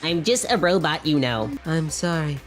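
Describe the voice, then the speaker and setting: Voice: mid-range voice, moderate pace, faint music behind. A streamer doing blind playthrough commentary, reading game dialogue aloud with sarcastic asides and laughs.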